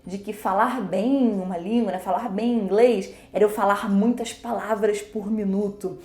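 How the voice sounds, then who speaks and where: A woman teaching in a casual video lesson, chatty and quick, sometimes acting out examples. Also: mid-range voice, fairly even intonation, warm tone, echoey room. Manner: chatty, fast-talking, switches into English examples. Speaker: English teacher.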